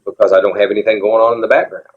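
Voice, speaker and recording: In this candid interview, a man in his seventies speaks very fast in a lowish, gravelly voice with a breathy edge. He's earnest and reflective as a guest, often restarting his sentences, and the lo-fi audio sounds dull.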